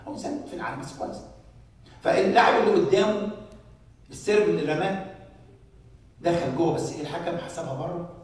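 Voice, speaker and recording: Animated priest preaching in echoing church. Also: male voice, on the high side, distant mic, a little hiss or hum. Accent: Egyptian Arabic. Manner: animated storytelling, rhetorical questions. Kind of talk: sermon.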